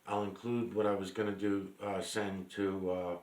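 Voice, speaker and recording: Deep-voiced rambling man in a roomy echo. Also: flat delivery, normal speed, a little mellow. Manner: meandering, many fillers and restarts, blunt with swearing. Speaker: vlogger. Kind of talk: rambling casual monologue to camera.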